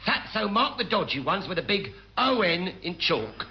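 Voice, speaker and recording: An actor playing a wily, cheeky chief petty officer in a radio sitcom, brash and offhand. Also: male voice, sits high, very animated, normal speed, sharp tone, lo-fi sound, a little hiss or hum, heavily acted. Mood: exasperated. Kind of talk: classic British radio sitcom acting.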